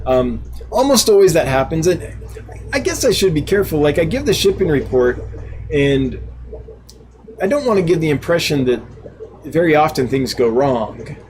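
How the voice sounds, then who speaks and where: A man's voice: on the high side, big pitch swings, normal speed, long pauses, darkish tone, a little hiss or hum, low-quality recording. A man hosting a casual live stream, reading out viewer comments and answering them in a chatty, laughing, self-deprecating way. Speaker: live stream host and fish seller.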